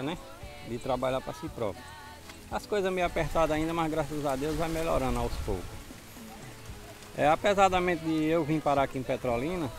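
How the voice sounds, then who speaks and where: Interviewed casually on his farm, a middle-aged man from Ceará answers plainly in a creaky, mid-range voice with a northeastern Brazilian accent. Music sounds in the background, and the handheld mic wears a furry windscreen.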